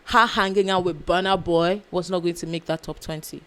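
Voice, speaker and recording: A young woman from Nigeria with a Nigerian accent, co-hosting a casual chat podcast, animated and laughing, slipping into pidgin. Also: fairly low pitch, fairly quick. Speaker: podcast co-host.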